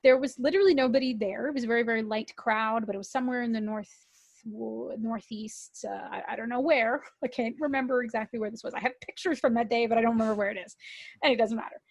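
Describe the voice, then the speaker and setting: A woman from Canada tells a story as a podcast guest, her voice pitched high for a woman. She is animated and swears freely, and she slips into quoted voices as she talks. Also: fast, no echo. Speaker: guest musician. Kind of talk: casual storytelling.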